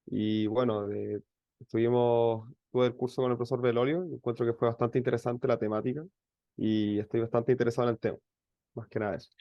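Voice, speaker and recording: Fast-talking young Chilean man. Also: mid-range voice, flat delivery, no echo, dull audio. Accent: Chilean Spanish. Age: young adult. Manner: fast, filler eh. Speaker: law student. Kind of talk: self-introduction.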